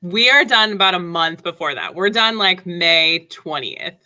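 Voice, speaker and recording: A woman's voice: fairly low pitch, expressive, moderate pace, a crowd in the background. A woman from Nebraska, a teacher, talking in a friendly, easygoing way as a podcast guest. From United States (Nebraska). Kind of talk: casual interview.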